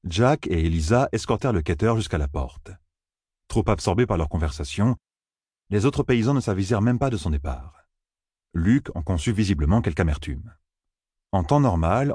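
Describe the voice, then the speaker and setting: A man narrating an audiobook with a lively, expressive reading and a slightly husky voice. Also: sits low, no room sound, studio quality. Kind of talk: scripted narration.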